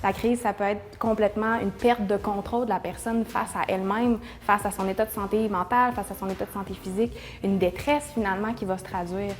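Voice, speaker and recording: A woman's voice: mid-range voice, steady tone, fairly quick, hardly any pauses, faint music behind. A woman with a Québécois accent who works at a shelter, answering interview questions in an earnest way. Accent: Québécois French. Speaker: shelter worker.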